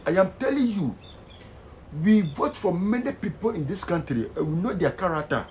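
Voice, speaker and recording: A man with a Ghanaian Pidgin accent rants with fervent, preachy energy. His voice sits a bit high and swings widely in pitch. There is faint noise behind him. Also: lively intonation, normal speed, darkish tone, poor audio. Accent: Ghanaian Pidgin English. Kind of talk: impassioned social media rant.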